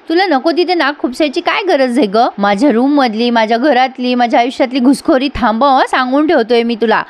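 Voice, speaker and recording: Woman recapping a serial with lively voices. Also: fairly high pitch. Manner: retells scenes, voicing each character's lines with lively emphasis. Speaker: serial episode reviewer. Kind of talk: voice-over recap acting out dialogue.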